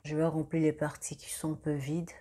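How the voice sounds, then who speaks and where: A young woman chats her way through a makeup tutorial, pausing often on fillers and starting her sentences over. Her voice sits a little low for a woman. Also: level tone, over loud music. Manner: hesitant, many fillers and restarts. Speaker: beauty vlogger. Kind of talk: casual makeup tutorial talk.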